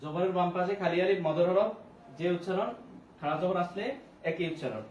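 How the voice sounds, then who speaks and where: A man teaching Quran recitation in an online class, slowly drilling letter sounds and drawn-out vowels for his students. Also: sits high, darkish tone. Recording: echoey room, mic at a distance, faint hiss.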